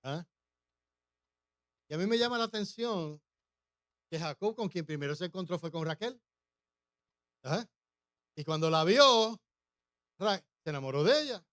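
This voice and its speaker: High-voiced, slow preaching man. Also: expressive, fairly bright tone, dry recording, clean studio sound. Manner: humorous, asks the congregation questions. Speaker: pastor. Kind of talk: sermon.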